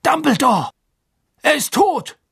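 A man voicing a panicky male minister of magic, with loud, agitated exclamations. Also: mid-range voice, lively intonation, normal speed, vocal fry, breathy edge, no echo, clean studio sound, exaggerated voice. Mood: alarmed.

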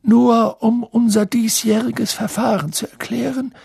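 Guy doing a wise old headmaster, high husky voice, slow and grand, audiobook style. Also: steady tone, a little mellow, no echo, clean studio sound, exaggerated voice. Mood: solemn. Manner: slow, ceremonious speech. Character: old male headmaster, calm and solemn.

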